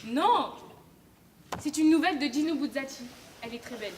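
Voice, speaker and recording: A woman on a theatre stage playing a young woman who gently tells a story to her friends. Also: high-pitched, expressive, a little fast. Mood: calm. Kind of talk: stage play acting. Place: theatre stage, large hall. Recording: echoey hall, faint noise.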